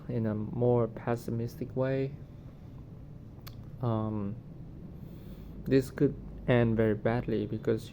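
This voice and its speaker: Male commentator, unhurried and creaky, off-the-cuff and hesitant, with faint rumble behind him. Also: mellow. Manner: hesitant, halting, searching for words. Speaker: vlogger giving commentary. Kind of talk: casual unscripted commentary on current events. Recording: noticeable low rumbling background noise.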